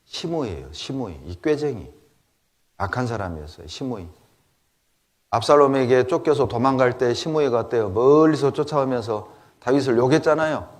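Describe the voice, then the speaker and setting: A man's voice: mid-range voice, animated, moderate pace. A middle-aged male pastor preaching a sermon, driving his points home with repeated rhetorical questions. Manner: emphatic rhetorical questions and repetition.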